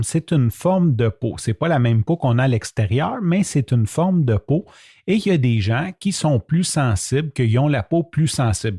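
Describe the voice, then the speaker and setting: On his podcast, a Québécois French-accented host recounts a personal story solo, laughing frequently and poking fun at himself in a chatty manner. He has a mid-range, darkish voice, captured at studio quality without echo.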